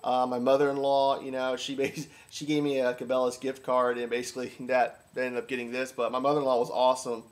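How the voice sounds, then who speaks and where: A duck calling instructor gives a casual how-to talk, informal and repetitive but clearly enthusiastic about his subject. His mid-range voice holds a level tone, and he speaks briskly with hardly any pauses.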